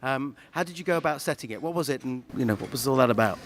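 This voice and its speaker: A man's voice: mid-range voice, animated, quick pace, slight background noise. A man hosting a panel interview at a media festival, talking casually with frequent "uh" and "um" fillers and restarts. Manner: hesitant, many fillers and restarts. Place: festival venue.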